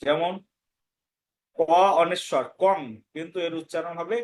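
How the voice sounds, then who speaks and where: A man's voice: on the high side, moderate pace. A man teaching a scripture class, patiently repeating words to demonstrate correct pronunciation. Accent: Bengali. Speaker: Gita course teacher. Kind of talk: pronunciation lesson.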